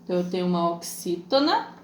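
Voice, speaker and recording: A Brazilian woman teacher giving a lesson to children, talking slowly and patiently, spelling out letters and syllables. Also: fairly low pitch, sing-song. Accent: Brazilian Portuguese. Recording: echoey room with faint noise.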